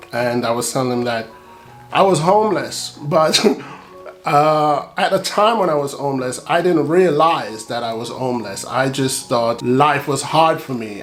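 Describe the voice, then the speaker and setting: Reflective man from Jamaica, guitar behind. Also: mid-range voice. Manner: measured, reflective, many ums and pauses. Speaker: author. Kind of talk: casual talk to camera. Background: soft guitar music.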